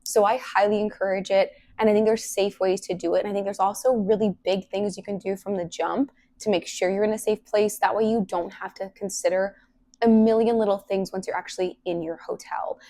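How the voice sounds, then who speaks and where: With her voice hoarse and partly lost to sickness, the young podcast host talks on her own show a little fast, in a medium pitch with a dark tone and fairly even intonation. Her manner is casual and earnest, heavy on "like" fillers.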